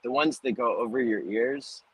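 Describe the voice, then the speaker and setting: A man chatting casually over livestream headset audio from earbuds while driving on a highway. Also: moderate pace, breathy edge, rough recording. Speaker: therapist, call participant. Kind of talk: casual chat. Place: in a moving vehicle on a windy highway. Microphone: earbud headset mic, livestream audio.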